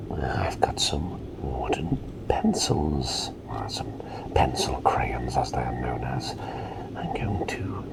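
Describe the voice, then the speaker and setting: Man doing a slow whispered role-play plague doctor. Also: extremely low pitch, gravelly, heavily acted, poor audio. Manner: soft, unhurried, gently repetitive and formal. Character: courteous, inquisitive plague doctor soothing a patient. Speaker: ASMR performer.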